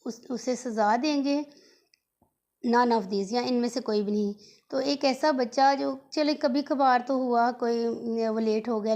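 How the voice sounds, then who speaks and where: A woman's voice: on the high side, dark tone. A woman teacher with a Pakistani Urdu accent going through test questions, reading each one in English and then explaining the answer in Urdu. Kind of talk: recorded lesson explaining multiple-choice answers.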